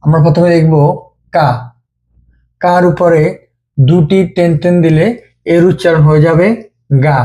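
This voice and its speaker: Guy teaching japanese letters, mellow voice, slow and patient, repeats every sound. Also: fairly high pitch, flat delivery. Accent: Bengali. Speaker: language teacher. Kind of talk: step-by-step script lesson.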